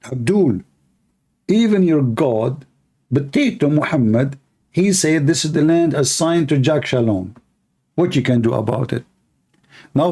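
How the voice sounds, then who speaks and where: This man's voice sits on the high side with a darkish tone. He is a native Arabic speaker with an Arabic accent, a religious polemicist hosting a live stream whose informal teaching is mocking, repetitive, and heavy on rhetorical questions.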